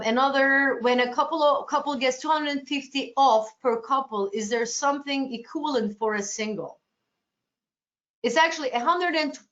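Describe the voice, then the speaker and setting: Over lo-fi webinar audio, a cruise sales presenter from Turkey answers questions from agents. Her pitch is fairly high and her tone fairly bright, and she frequently starts sentences over in an accommodating, reassuring manner.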